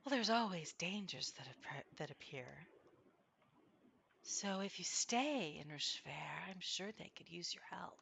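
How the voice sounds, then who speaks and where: Woman playing a telepathic unicorn, tabletop fantasy, gentle and wise, quiet breathy near-whisper, serene. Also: fairly low pitch, animated, a little slow, slight background noise, heavily acted. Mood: gently cautioning. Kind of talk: tabletop fantasy role-play.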